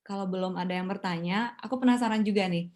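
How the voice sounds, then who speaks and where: A woman hosting an online question session, asking curious questions briskly. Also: mid-range voice, darkish tone. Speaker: host, session moderator.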